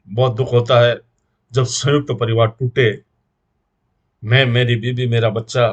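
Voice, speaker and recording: A middle-aged man speaks with a Rajasthani Hindi accent in a voice of ordinary pitch. He preaches earnestly to his community, building his points through rhythmic lists of repeated phrases. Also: dull audio. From India. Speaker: guest speaker. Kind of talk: earnest public appeal.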